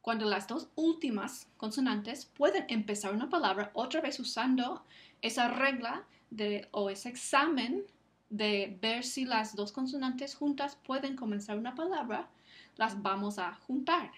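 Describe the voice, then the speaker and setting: A woman giving a recorded lecture, explaining syllable division and slowly enunciating example words. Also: fairly high pitch, expressive. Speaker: Spanish phonetics lecturer.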